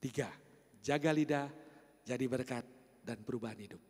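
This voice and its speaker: A pastor, preaching a lively storytelling sermon and addressing the congregation directly. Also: male voice, mid-range voice, normal speed, breathy edge. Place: church sanctuary. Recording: echoey church hall.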